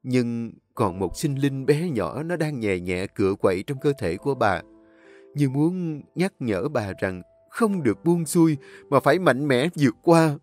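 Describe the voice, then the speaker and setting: Guy reading a dramatic story, super expressive, melodic, faint music underneath. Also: mid-range voice, measured pace.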